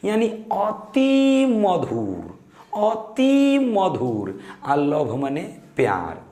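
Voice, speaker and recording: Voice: medium pitch, a little mellow. A teacher giving an explanatory lecture on a poem line by line, repeating key words and checking in with the class, with English quotations mixed into the explanation. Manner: mixes Hindi explanation with English quotes. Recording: roomy echo.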